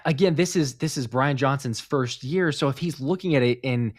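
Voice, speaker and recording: A man's voice: mid-range voice, normal speed, no room sound, studio quality. Rambling man talking football. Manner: rambling, restarts, acts out coaches' voices. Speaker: podcast co-host. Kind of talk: casual sports talk.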